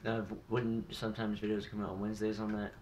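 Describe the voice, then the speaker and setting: Young male gaming YouTuber, lowish voice, swears a lot, rambles and gets excited, clear noise under the voice. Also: fast, muffled recording. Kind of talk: gameplay commentary.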